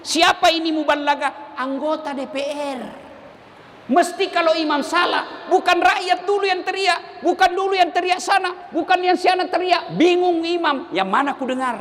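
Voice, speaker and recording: High-voiced preacher in an echoing hall. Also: male voice, moderate pace, slight background noise. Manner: animated, shouting call-and-response questions, mimicking voices. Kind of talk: humorous sermon to a crowd. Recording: long hall reverb, faint ambience.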